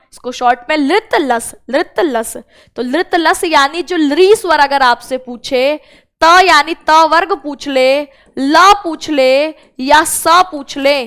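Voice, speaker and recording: A woman's voice: high-pitched, bright, forceful tone. A young woman teaching a Sanskrit exam-prep lesson, drilling short mnemonics and having students repeat after her.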